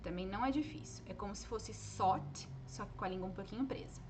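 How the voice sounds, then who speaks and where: Woman teacher in a live online class, patient, spells out and repeats words slowly, faint noise behind her. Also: mid-range voice. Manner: patient, explains slowly and models words aloud. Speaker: English teacher. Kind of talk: live online pronunciation lesson.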